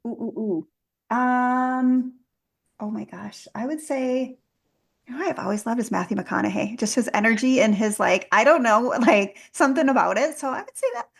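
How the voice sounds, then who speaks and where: A young woman with a Minnesotan accent, chatting as a podcast guest, chatty and quick to laugh. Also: fairly high pitch, vocal fry. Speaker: guest, business coach. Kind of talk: casual interview chat.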